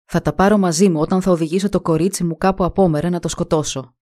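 A woman's voice: on the low side, fairly even intonation, dark tone, natural voice. A woman voicing a weary, torn old king who speaks heavily and hesitantly. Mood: resigned.

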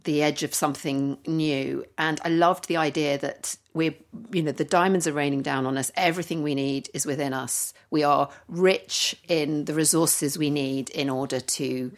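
A woman's voice: low voice, fairly even intonation, normal speed, hardly any pauses. A middle-aged woman from Surrey, chatting eagerly as podcast co-host with lots of ums. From Surrey, England. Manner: chatty, enthusiastic, many ums. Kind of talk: casual chat.

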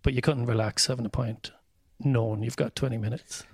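Man, west of Ireland accent, husky, creaky voice, wry casual storytelling. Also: mid-range voice, fairly even intonation, brisk, no room sound, clean studio sound. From County Mayo, west of Ireland. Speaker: stand-up comedian guest. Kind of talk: casual chat, comic anecdotes.

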